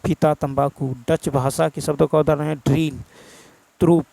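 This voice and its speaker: Brisk Indian man with a gravelly voice. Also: fairly high pitch, flat delivery, warm tone, no echo, low-quality recording. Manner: brisk, explains each answer then lists examples. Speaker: teacher. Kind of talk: exam-prep lesson, reading answers aloud.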